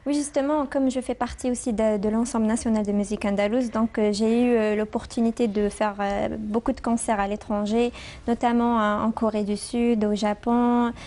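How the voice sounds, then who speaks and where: Mellow, higher-pitched Algerian woman. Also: fairly even intonation, moderate pace. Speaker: guest musician. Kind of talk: interview conversation.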